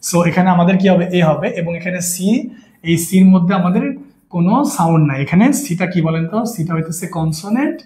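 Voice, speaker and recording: Quick, high-voiced male teacher. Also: steady tone, warm tone, reverberant. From Bangladesh. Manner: repeats questions to students, coaxing answers. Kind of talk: online English grammar lesson.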